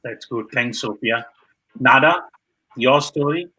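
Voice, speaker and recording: A man hosts a live video-call panel with a bright, forward voice. He talks haltingly, restarting phrases and repeating short praise between guests. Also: medium pitch, slightly rough, low-quality recording. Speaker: host of a live online panel.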